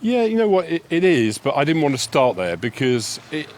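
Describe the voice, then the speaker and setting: A man's voice: on the high side, wildly swooping pitch, fairly quick. A man co-hosting a podcast while walking outdoors, a chatty upbeat storyteller. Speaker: podcast co-host. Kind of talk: casual walking conversation. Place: outdoors on a walk.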